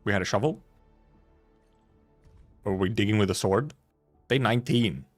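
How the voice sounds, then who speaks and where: Faint music plays as a streamer with a lowish voice talks through a game at normal speed. His commentary is casual and rambling, with loose self-corrections and offhand swearing.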